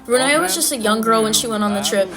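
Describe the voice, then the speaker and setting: A woman's voice: on the high side, fast, lightly acted. Woman as salesy radio tour promoter, music behind. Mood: salesy, flustered. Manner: salesy, covering up awkwardness. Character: peppy, evasive female radio tour promoter.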